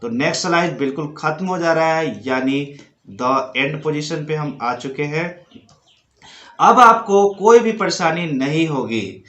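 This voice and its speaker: A man teaching English pronunciation from slides, saying example words slowly and repeating them. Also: on the high side, lively intonation, bright, forceful tone, reverberant. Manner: slow, drawn-out repetition of example words. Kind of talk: slide-based lesson.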